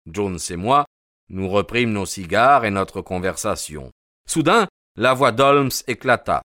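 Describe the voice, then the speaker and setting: Slow, bright-voiced male narrator. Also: on the low side, big pitch swings, no echo, studio quality. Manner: measured, descriptive. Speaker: audiobook narrator. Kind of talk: scripted narration.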